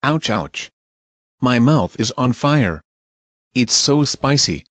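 A man's voice: mid-range voice, animated, slow, a bit bright, no room sound. A man voicing a scared male bear toy who pleads and protests over and over. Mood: pleading. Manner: pleading, with strings of repeated protests.

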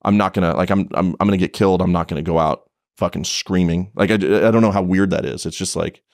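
A man's voice: deep voice, fairly even intonation, fast, darkish tone, no room sound, studio quality. A man who is a police officer, telling a story in a casual podcast interview, blunt and profane, with frequent restarts.

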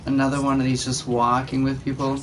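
A young man gives casual let's play commentary in an average-pitched voice. Clear game noise runs behind him as he talks. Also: monotone, a little fast. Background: game dialogue and ambience.

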